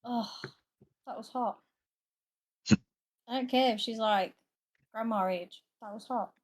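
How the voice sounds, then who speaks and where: A woman chatting loudly and bawdily between game turns. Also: on the high side, takes it slowly, slight background noise. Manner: loud, bawdy, laughing banter. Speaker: player. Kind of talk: casual chat.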